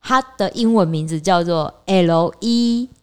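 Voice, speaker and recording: A woman with a Taiwanese accent co-hosting a casual chat, telling stories in a colloquial, expressive way. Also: lowish voice, measured pace, smooth. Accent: Taiwanese Mandarin. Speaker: talk show co-host.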